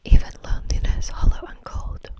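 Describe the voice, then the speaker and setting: A woman hosting an ASMR channel, softly whispering as she chats and reads aloud from a book. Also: normal speed. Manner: soft unvoiced whispering throughout.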